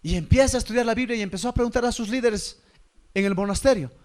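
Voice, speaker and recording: High-voiced preacher, questioning. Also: male voice, fast, a little mellow. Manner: preaching with rhetorical questions and a repeated "¿ya?" check-in. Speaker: pastor. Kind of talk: sermon.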